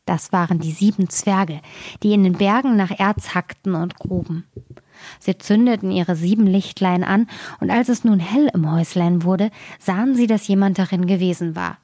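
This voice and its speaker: A woman storyteller reading a fairy tale aloud in a calm, measured way. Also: mid-range voice, no room sound, studio quality.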